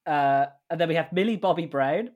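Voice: mid-range voice, fairly quick, phone-quality sound. Podcast co-host, rambling and giggly, casual chat. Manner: rambling, reads aloud from a website, laughs often.

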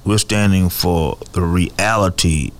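A man hosting a radio call-in show, affirming callers and reading out the station's pledge number in a steady announcer manner. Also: sits low, slow pace. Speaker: radio host.

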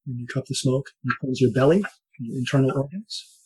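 A man with a slightly husky voice teaches shamanic ceremony as a guided meditation, in slow, repetitive, soothing phrasing. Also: medium pitch, low-quality recording. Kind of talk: guided meditation and spoken ritual instruction.

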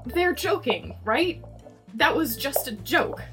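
A woman's voice: high-pitched, sing-song, takes it slowly, over music, full character voice. A woman playing an earnest, anxious young librarian sidekick in a noir audio drama, pleading and exasperated. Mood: flustered.

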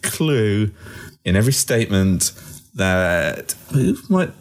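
A man hosting a comedy podcast quiz, talking in a deadpan, halting way and breaking into giggles. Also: on the low side. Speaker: quiz host. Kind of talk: casual comedy podcast banter.

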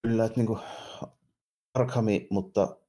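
A man's voice: lowish voice, fairly even intonation, mellow. A man co-hosting a casual podcast, talking hesitantly with many fillers and restarts. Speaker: podcast co-host. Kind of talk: casual chat about games and anime.

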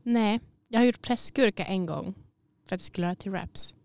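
Smooth-voiced Swedish-speaking woman chatting. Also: mid-range voice, a little mellow, no echo. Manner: chatty, self-conscious, laughs easily. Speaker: podcast co-host. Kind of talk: casual chat. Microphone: studio mic.

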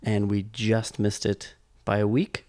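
A man's voice: lowish voice, level tone, measured pace, a little mellow, no room sound. A man co-hosting a casual podcast, dry and leading the talk. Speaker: podcast co-host. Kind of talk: casual chat.

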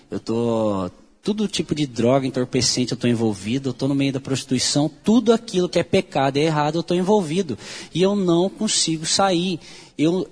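A man with a Brazilian Portuguese accent gives an earnest, emotional personal testimony, full of halting restarts. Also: a little high, breathy edge. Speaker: speaker giving a testimony.

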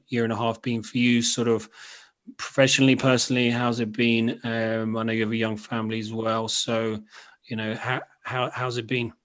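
An Irish-accented man hosting a casual interview, speaking informally and haltingly as he rephrases his thoughts. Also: mid-range voice. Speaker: podcast host.

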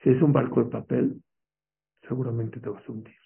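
Gravelly-voiced man preaching resilience. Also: mid-range voice, level tone, a little fast. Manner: emphatic, asks the audience rhetorical questions. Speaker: motivational speaker. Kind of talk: motivational religious talk. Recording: tinny, phone-like lo-fi recording.

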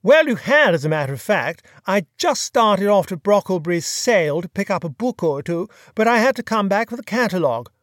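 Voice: medium pitch, big pitch swings, a little fast, hardly any pauses, dry recording, pitched above the performer's own voice, close to an everyday voice. Courteous upper-class gent, airy and clipped, storybook reading, dry sound, narrator-voiced. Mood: breezy. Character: genial aristocratic gentleman sleuth, light and courteous.

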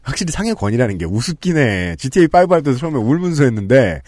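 A man's voice: mid-range voice, fast, dry recording. A man hosting a podcast, reading out lists of games and adding joking asides, recorded in a studio. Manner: lively, joking, reads lists with asides and laughs. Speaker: podcast host. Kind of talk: casual podcast talk with scripted segments.

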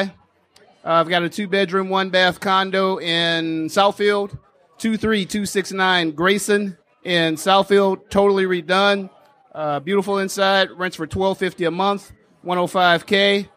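A man enthusiastically pitching renovated properties at an investors' meeting, with frequent fillers. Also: sharp tone. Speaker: real estate seller pitching properties.

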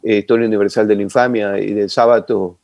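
An older man, telling long animated stories as an interview guest. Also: lowish voice, quick pace, creaky, dry recording. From Ecuador. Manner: animated, rambling reminiscence with sound effects. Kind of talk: casual storytelling interview.

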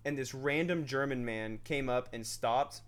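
A man's voice: medium pitch, measured pace. A young man, chatting casually as a rambling, swearing storyteller. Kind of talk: casual chat.

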